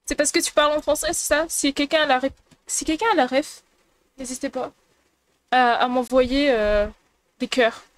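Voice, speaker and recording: A woman with a high, bright-pitched voice hosts a casual live stream, playfully chatting with and teasing her viewers and giggling often. Her tone is steady and her pace moderate, with frequent pauses. She is recorded on a desk mic at her computer.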